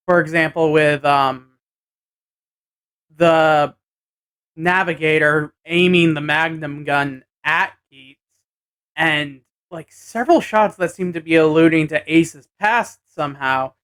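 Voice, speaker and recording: An anime and tokusatsu reviewer gives a casual episode recap vlog, hesitantly thinking aloud along the way. The voice is medium in pitch, clean, and fairly bright.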